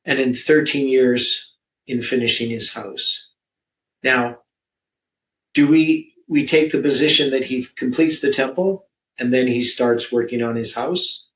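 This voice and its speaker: A man's voice: medium pitch, measured pace, fairly bright tone, rough recording. A man leading a Bible study discussion, thinking aloud with many fillers and reading scripture verses aloud.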